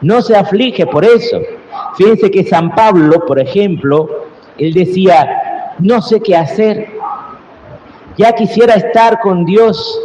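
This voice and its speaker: A priest preaching a slow, earnest Sunday homily, his voice rising into cried-out prayers, recorded in a large church. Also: high voice, warm tone, slight background noise. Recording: roomy church reverb with faint ambience.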